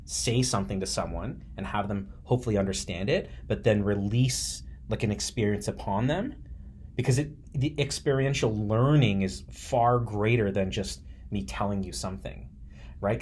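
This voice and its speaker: A man's voice: lowish voice, darkish tone, slight background noise. A man hosting a casual podcast interview, enthusiastic and chatty, with lots of "like" and restarts. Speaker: podcast host, teacher.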